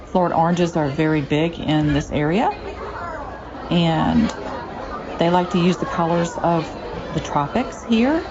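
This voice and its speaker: A woman's voice: on the low side, measured pace, long pauses. A woman field reporter touring an outdoor market and chatting casually with vendors. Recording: muffled outdoor market audio, crowd noise. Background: crowd chatter and street noise.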